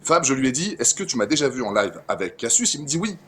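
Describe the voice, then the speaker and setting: A man's voice: mid-range voice, sing-song, fast talker, a bit bright, slight background noise. A man in a casual online debate, talking argumentatively and restating his points with emphasis and repeated words.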